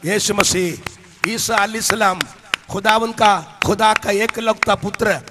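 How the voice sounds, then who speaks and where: A man preaching a sermon to a congregation, telling anecdotes and building to impassioned, shouted climaxes, recorded in a large hall. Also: high-pitched, steady tone, a little slow, noisy background. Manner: storytelling with anecdotes. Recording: long reverb of a big hall.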